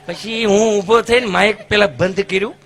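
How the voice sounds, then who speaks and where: A man with a Kathiawadi Gujarati accent telling folk stories on stage as a comedian, lively and acting out the voices of the people in his tales. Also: sits high, a little fast.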